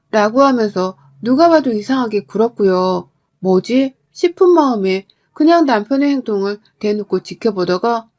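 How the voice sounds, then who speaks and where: A woman telling a first-person family story as scripted narration, in an even, reflective tone. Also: a little high.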